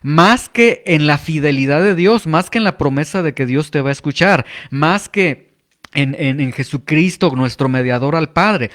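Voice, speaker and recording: A man preaching a teaching sermon, explaining calmly with frequent filler pauses. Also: on the high side.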